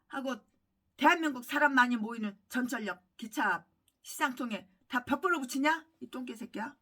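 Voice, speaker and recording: A woman pastor delivering a furious, abusive sermon, swinging between shouting and low muttering. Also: recorded from a distance. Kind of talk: ranting sermon.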